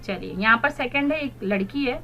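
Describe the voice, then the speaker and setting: A woman's voice: on the high side, animated, normal speed, dull audio. A woman teaching young children, explaining in Hindi and spelling words out letter by letter. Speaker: primary school English teacher. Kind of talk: recorded online class lesson.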